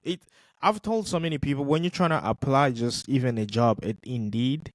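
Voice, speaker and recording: Commenting on video clips for his podcast, this man, for whom English is a second language, speaks emphatically and repeats himself to stress points. His voice is mid-range and moves at a normal speed, with no room sound in the recording.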